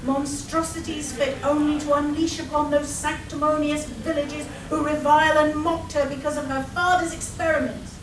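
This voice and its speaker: A woman's voice: sits high, level tone, moderate pace, hardly any pauses, recorded from a distance, natural voice. A woman playing a seductive, unstable half-weasel villainess in a melodramatic comic radio play, recorded live. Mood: lonely, brooding. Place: live performance at a convention, distant mic. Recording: echoey, noisy live hall recording from afar.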